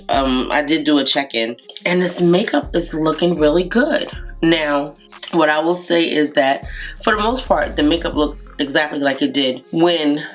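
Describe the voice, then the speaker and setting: Nasal-sounding woman, chatty beauty vlogger. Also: sits low. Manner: chatty, repeats herself, addresses viewers as guys. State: sick, nasal voice. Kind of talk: casual makeup review to camera.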